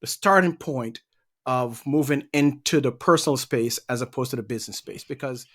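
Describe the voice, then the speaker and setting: A man's voice: medium pitch, normal speed, a bit bright. A middle-aged man from Barbados, a leadership trainer answering interview questions in an easygoing way and often repeating words while he thinks.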